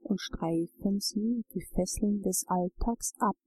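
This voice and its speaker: A woman narrating a guided relaxation journey, giving calm, soothing instructions. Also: medium pitch, slow, husky, no echo, low-quality recording.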